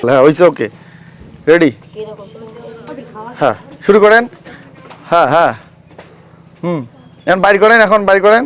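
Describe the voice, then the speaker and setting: A man's voice: high-pitched, animated, normal speed, pauses often, a bit bright, smooth. A man with a Bangladeshi accent hosts a street challenge, instructing contestants and repeating himself as he talks to camera. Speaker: challenge host. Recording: faint background noise, ambient sound.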